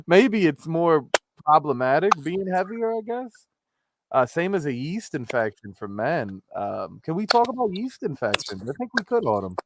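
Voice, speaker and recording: A man's voice: fairly high pitch, very animated, normal speed. A man hosting a casual comedic live-streamed chat, rambling and joking, with popping p sounds. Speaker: host of a live-streamed talk show. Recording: clicks and pops, faint background noise.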